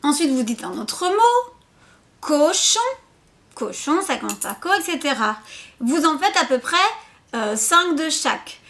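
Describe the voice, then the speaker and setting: A woman, a preschool teacher, patiently explaining a syllable game to parents, repeating words and sounding out syllables slowly. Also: high-pitched, very animated, fairly bright tone.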